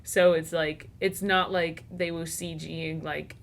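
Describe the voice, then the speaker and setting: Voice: medium pitch, little pitch movement, slow, creaky. A podcast host in casual chat, laughing often and talking enthusiastically about movies.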